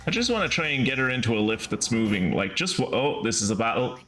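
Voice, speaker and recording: A man's voice: mid-range voice, sing-song, fast, a bit bright, soft background music. A man giving casual live commentary as he streams a game.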